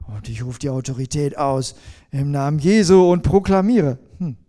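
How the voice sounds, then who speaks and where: High-voiced man preaching conversationally. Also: normal speed, warm tone, soft background music. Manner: conversational, asks the listeners questions. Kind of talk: sermon.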